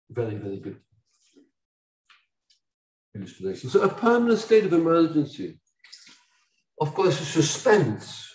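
An older man from Belgium giving an academic lecture, animated and ironic, with mocking asides and sudden loud outbursts. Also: a little high. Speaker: university lecturer. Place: lecture hall. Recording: echoey hall from far off.

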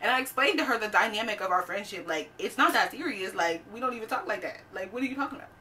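A young woman telling a personal story to camera in a lively, conversational, profane way. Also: medium pitch, quick pace, distant mic, a little hiss or hum. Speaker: vlogger. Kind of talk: storytime vlog.

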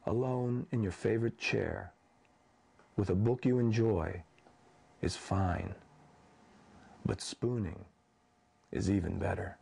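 Slow, gravelly-voiced poet in his fifties. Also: on the low side, dark tone, a little hiss or hum. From Indonesia. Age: 50s. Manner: slow, measured, thoughtful. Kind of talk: poetry reading and personal account.

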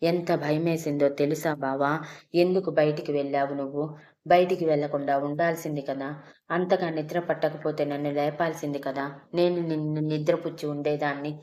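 A woman's voice: deep voice, steady tone, moderate pace, mellow, lightly acted. A woman voicing a tearful young woman who pleads with and scolds the man she loves. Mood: pleading. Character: tearful frightened young woman, fiercely devoted.

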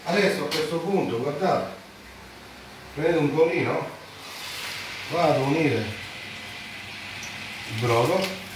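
A man in his forties giving a casual cooking demonstration, talking haltingly and often repeating and correcting himself. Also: fairly high pitch, far from the mic. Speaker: home cook presenting a recipe. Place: home kitchen, indoors. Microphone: phone held by someone a few steps away. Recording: roomy kitchen, off-mic, frying and sizzling noise.

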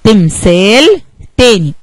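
A woman's voice: mid-range voice, very animated, takes it slowly, dry recording, poor audio. A woman with an Egyptian Arabic accent teaching a kindergarten spelling lesson, asking the children questions and answering them herself.

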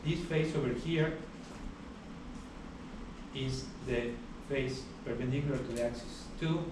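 A young man giving a university lecture in a large hall, explaining steadily with many pauses and uh fillers. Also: mid-range voice. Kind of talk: classroom lecture. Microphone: far camera at the back of the room. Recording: echoey hall recorded from far off, background hiss.

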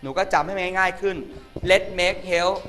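Campy male tutor, high voice, comic classroom drill style, chants vocab lists. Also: little pitch movement, racing, fairly bright tone. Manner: flamboyant and campy, teasing students. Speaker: English tutor. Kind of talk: comedic classroom grammar lesson.

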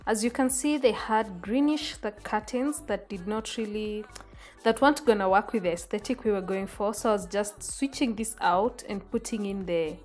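A woman's voice: medium pitch, moderate pace, darkish tone, soft background music. A young woman with a Kenyan accent, chatting to viewers about her bedroom makeover and calling them guys. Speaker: home makeover vlogger. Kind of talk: casual voice-over narration.

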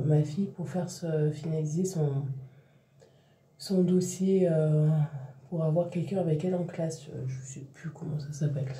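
A woman's voice: low-pitched, mellow, slight background noise. A tired woman, venting in a casual vlog to her viewers, talking in restarts and trailing phrases. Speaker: vlogger, mother. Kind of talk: casual vlog talk to camera. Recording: roomy echo, voice a bit far from the mic.

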